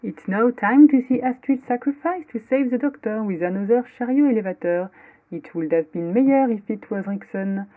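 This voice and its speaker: A woman's voice: fairly high pitch, moderate pace. A woman playing a mock airline captain on the cockpit headset, reading a comic recap as cabin announcements and mixing French with broken English. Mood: deadpan announcing. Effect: tinny cockpit-announcement sound. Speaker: podcast co-host giving the episode recap. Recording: tinny phone-like line.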